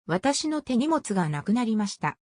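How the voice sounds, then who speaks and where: A woman reading short travel phrases in a crisp, even scripted delivery. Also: on the high side, quick pace, no echo, studio quality. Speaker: phrase reader.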